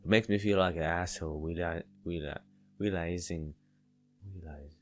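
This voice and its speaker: With a low-pitched voice at a moderate pace, a man reads a visual novel's narration aloud for a let's play, occasionally tripping over words. The recording has faint background music.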